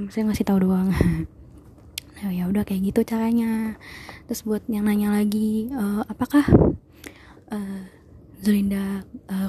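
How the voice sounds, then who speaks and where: A young woman talking casually and hesitantly to her viewers, in a soft, breathy voice with many fillers. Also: mid-range voice, a little hiss or hum. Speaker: vlogger. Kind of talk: casual personal talk to viewers.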